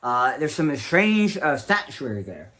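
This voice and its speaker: A man's voice: mid-range voice, very animated, measured pace, bright, forceful tone. A man running a family tabletop game as game master, chatty and rambling with fillers. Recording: roomy echo.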